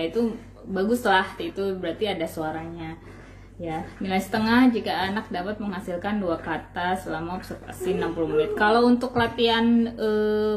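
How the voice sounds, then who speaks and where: A woman's voice: medium pitch, a little hiss or hum. Chatty woman explaining child development. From Indonesia. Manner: chatty, loose explaining with fillers and acted-out examples. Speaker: parenting channel host. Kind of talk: casual instructional talk.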